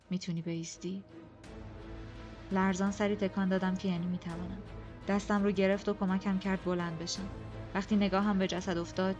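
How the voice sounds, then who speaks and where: A woman with a mid-pitched voice narrates a fantasy novel in the first person, steady and dramatic. The recording is dull and lo-fi. Soft music runs faintly under her reading. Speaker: audiobook narrator.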